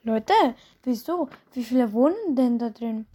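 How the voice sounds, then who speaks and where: A woman's voice: on the high side, lively intonation, a little slow, mellow, breathy edge. A woman voicing a stern, sarcastic father who grumbles and mocks in a storybook reading. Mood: mocking. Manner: grumbling, mocking.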